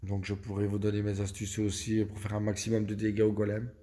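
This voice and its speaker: A man's voice: fairly low pitch, monotone, brisk, warm tone. A Belgian man with a Belgian French accent giving casual gameplay tips as a YouTuber, hesitant and full of fillers and self-corrections. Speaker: gaming YouTuber.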